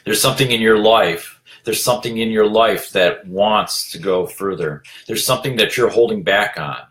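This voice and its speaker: A man giving an earnest motivational talk as a leadership coach, urging listeners on, repeating his phrases and filling pauses with "you know". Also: fairly low pitch, fairly bright tone.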